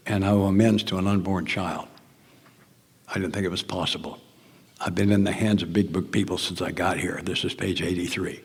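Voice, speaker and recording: A man's voice: low-pitched, slightly rough, big-room sound. An older man with a Southern American accent, telling his story in an earnest, plainspoken way at a recovery meeting, sometimes dropping to a near whisper. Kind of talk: personal talk at a recovery meeting.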